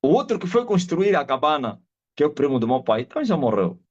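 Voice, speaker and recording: Animated Angolan preacher, lively pitch. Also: male voice, fast. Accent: Angolan Portuguese. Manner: animated storyteller, acts out quoted voices and shouts. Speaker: apostle preaching a testimony. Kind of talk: testimony sermon on a live video call. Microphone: video call audio. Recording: dull lo-fi video call audio.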